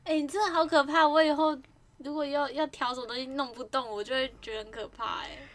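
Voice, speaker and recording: A young woman from Kaohsiung with a Taiwanese Mandarin accent co-hosts a casual podcast. She reacts with loud exclamations and laughs easily. Her voice is bright and a little high, and it sounds like she sits a bit away from the mic. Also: steady tone, fast, distant mic. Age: young adult. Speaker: podcast co-host. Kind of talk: casual chat.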